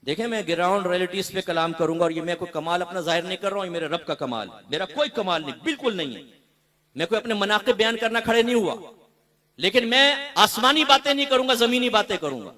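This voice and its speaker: A man delivering a sermon as a mufti, his high and bright voice cutting through his points. He swings between forceful, emphatic runs and softer, conversational asides. He likes to act out short exchanges of dialogue. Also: fast talker. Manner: storytelling with quoted dialogue. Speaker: mufti preaching to a gathering.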